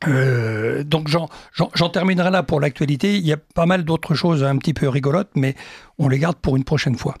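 A man's voice: fairly high pitch, normal speed, vocal fry, no echo, clean studio sound. A man co-hosting a talk radio show, commenting indignantly with hesitations. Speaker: co-host.

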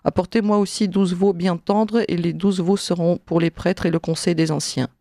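A wealthy, grateful man firmly orders his shepherds to bring lambs and calves for offerings, in a gravelly, close voice, read by a woman. It stays close to her own reading voice, with no real change of character. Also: on the low side, fairly even intonation, normal speed, warm tone, dry recording, close to an everyday voice. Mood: commanding. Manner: commanding, listing offerings.

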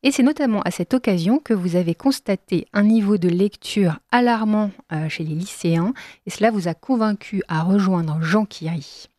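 A woman hosting a radio talk show, introducing guests in a measured way. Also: mid-range voice, darkish tone, no room sound, studio quality. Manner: measured, slowing on key phrases, light laughs. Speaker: radio host.

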